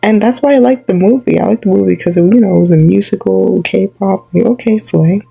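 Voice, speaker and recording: A young woman with a low, gravelly voice rambles through an opinionated rant. She fills her speech with "like" and circles back to her points. Her tone is dark and husky, with faint music underneath. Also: fairly quick, rough recording. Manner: rambling, opinionated, heavy use of "like". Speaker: vlogger.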